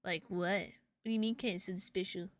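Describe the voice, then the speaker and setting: A fairly quick, medium-pitched female voice with fairly even intonation reads a visual novel aloud during a stream. She's on a close mic with music underneath, chatting to viewers between lines with playful, goofy asides.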